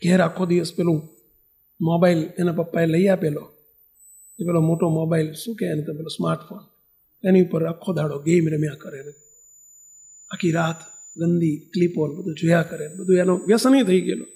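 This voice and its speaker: A man's voice: on the high side, steady tone, brisk, vocal fry, warm tone. A man, a swami, telling a story in a sermon and addressing the devotees directly with rhetorical questions. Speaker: swami giving a religious discourse.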